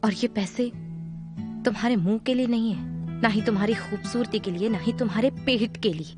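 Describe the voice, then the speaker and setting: A woman's voice: a little high, normal speed, over music, natural voice. A woman dubbing a caring young woman who coaxes and teases a proud friend, in a drama. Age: young adult. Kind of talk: Hindi dub of a drama.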